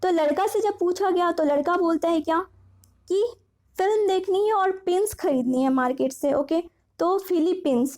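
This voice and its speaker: A woman's voice: sits high, mellow. A woman teaching memory tricks for an exam, chatty and repetitive, asking questions and answering them herself.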